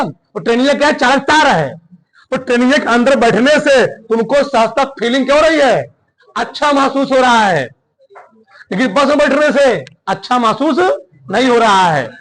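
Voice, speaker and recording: A man's voice: extremely high pitch, fairly bright tone, low-quality recording. A male chemistry teacher gives a classroom lecture. He keeps putting questions to his students and repeating the key words.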